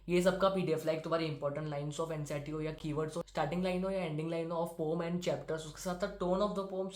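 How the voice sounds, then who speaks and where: Teen boy from India, quick and direct study-tips talker, echoey room. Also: fairly high pitch, a little mellow. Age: teens. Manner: brisk, direct, instructive. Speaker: student giving exam tips. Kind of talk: study-tips talk to camera. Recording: roomy echo.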